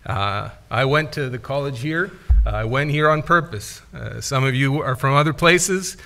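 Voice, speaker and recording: This middle-aged missionary speaker has a mid-range, creaky voice with a sharp tone and a moderate pace. Standing at a wooden pulpit in the church sanctuary, he delivers a casual report, gesturing and dropping frequent "uh" fillers. Sound comes through a pulpit microphone, with the camera far off.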